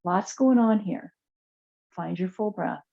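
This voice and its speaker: A woman teaching chair yoga, guiding movement and relaxation in a soft, soothing, unhurried way with pauses. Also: mid-range voice, creaky, muffled recording. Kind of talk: guided yoga class and relaxation.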